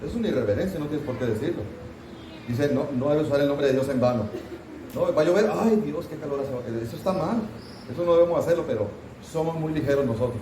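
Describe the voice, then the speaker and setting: A man's voice: fairly high pitch, fast talker, far from the mic, noisy background. A pastor teaching a Sunday school Bible class, talking casually with his students and asking them questions, recorded in a church room. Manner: conversational, asks the class questions, mock scolding asides. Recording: roomy church hall, voice from off-mic.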